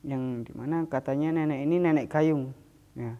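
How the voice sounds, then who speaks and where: A man's voice: fairly high pitch, normal speed, highs cut off. A man hosting a spiritual mystery channel in casual chat, loose and talkative with many fillers and frequent laughs.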